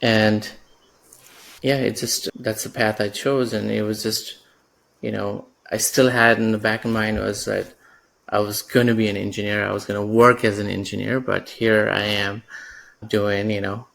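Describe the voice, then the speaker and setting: At a normal speed and in a level tone, this man's low, gravelly, slightly bright voice walks through his career during a podcast interview. A guest in his thirties from Nepal, he's reflective and leans on many fillers and restarts.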